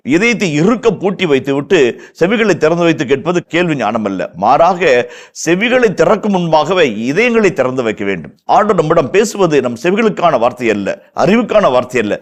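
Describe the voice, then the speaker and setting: A man's voice: on the high side, sing-song, brisk. A man with a Tamil accent, a priest explaining the Bible verse by verse in an impassioned way, repeating phrases for emphasis.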